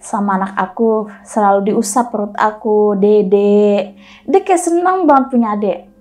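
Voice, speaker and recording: A woman telling a personal story in casual chat, animated and acting out the voices of the people in it. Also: medium pitch, a little slow. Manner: animated, acts out dialogue in quotes.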